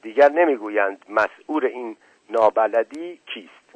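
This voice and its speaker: A man's voice: fairly low pitch, animated, no echo, highs cut off. A man voicing a stern, proud middle-aged landowner who speaks with scorn and lectures. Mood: lecturing.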